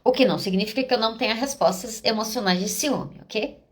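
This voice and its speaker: A woman's voice: fairly high pitch, brisk. A Brazilian woman hosting a psychology podcast, telling a personal story in a chatty way and acting out the dialogue. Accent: Brazilian Portuguese. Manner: chatty, animated, acts out quoted dialogue. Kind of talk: casual storytelling monologue.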